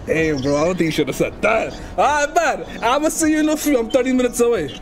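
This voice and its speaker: His voice is very high and sing-song, rattling along quickly over music. Calling people as a prank from his home streaming room, the young headset-wearing man is demanding and pushy, heavy on street slang.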